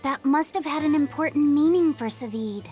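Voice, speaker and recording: A woman voicing a polite, curious, gentle youngster in an anime video game, with an inquisitive manner. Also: high voice, moderate pace, lightly acted. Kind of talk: English-dubbed anime game acting. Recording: soft game music behind.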